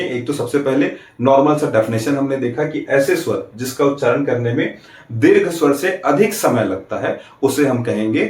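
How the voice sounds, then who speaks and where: A man's voice: a little high, far from the mic. A male teacher giving an exam-prep grammar lesson, explaining step by step with rhetorical check-ins and drawing out vowels to demonstrate. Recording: roomy, from off the mic.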